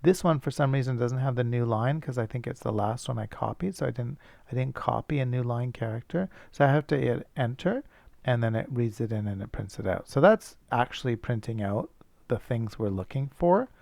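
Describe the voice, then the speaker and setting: A man's voice: mid-range voice, lively intonation, fairly quick, creaky, darkish tone, no room sound. A male teacher thinking aloud as he works through a coding problem, casual and self-correcting. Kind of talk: screencast coding lesson.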